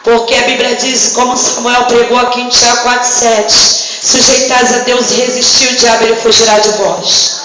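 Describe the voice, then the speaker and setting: A woman's voice: on the high side, level tone, moderate pace, very noisy. Fervent Brazilian woman preaching. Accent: Brazilian Portuguese. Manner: fervent, shouting at peaks. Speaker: missionary preacher. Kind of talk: testimony sermon. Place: church hall, indoors. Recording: echoey hall, distant mic.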